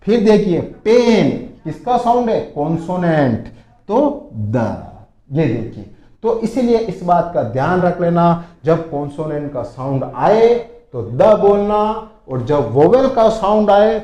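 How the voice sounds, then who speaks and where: A man's voice: sits high, sing-song, slow pace, warm tone, echoey room. A man teaching an English grammar lesson to students, patiently repeating points and asking rhetorical questions.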